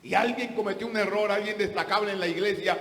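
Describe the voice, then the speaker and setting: A man with a high-pitched voice preaches as pastor, driving home each point with rhetorical questions. His sermon rings out with a long, roomy reverb, as if from a church hall. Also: steady tone, fast talker, fairly bright tone.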